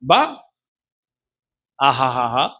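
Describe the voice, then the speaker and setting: This pastor has a medium-pitched, breathy-edged voice whose pitch swoops wildly, and he preaches very slowly. During a church service he fervently calls on the congregation to repeat after him, captured in a dull lo-fi recording.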